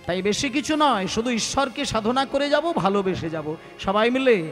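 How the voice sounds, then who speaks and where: Impassioned high-voiced Bengali preacher man. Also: expressive, normal speed, a bit bright, big-room sound, soft background music. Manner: impassioned, rhetorical questions to the audience. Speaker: kirtan singer and preacher. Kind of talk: devotional sermon to a gathering. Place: kirtan gathering hall.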